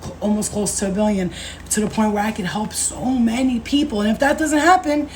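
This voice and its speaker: Woman, 30s, spiritual-coach livestream host; slightly high, animated, slangy and profane, with faint background noise. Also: brisk, low-quality recording. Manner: animated, slangy and swearing, addresses viewers as babe and baby. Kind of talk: casual livestream talk.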